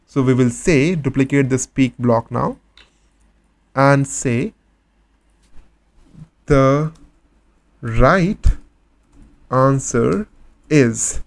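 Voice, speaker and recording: A man teaching a step-by-step coding tutorial, patiently posing questions and then answering them himself. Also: mid-range voice. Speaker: coding instructor. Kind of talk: screen-recorded coding tutorial.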